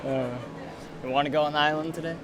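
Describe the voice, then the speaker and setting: A man's voice: fairly high pitch, steady tone, brisk. A man hosting a vlog, explaining things casually like a tour guide as he walks through a busy theme park outdoors. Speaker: vlog host. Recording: loud crowd noise outdoors.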